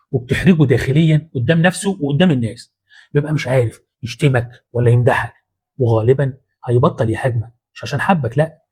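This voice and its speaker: Slightly rough and darkish in tone, this mid-range male voice carries an Egyptian Arabic accent. As host of a motivational talk on psychology, he keeps things colloquial and punchy, dropping in bits of street slang.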